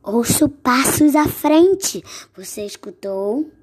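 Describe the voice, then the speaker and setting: Woman doing a slow, hungry storybook monster. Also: lively intonation, slight background noise. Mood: menacing. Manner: slow, drawn-out, lower. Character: big hungry forest monster, male.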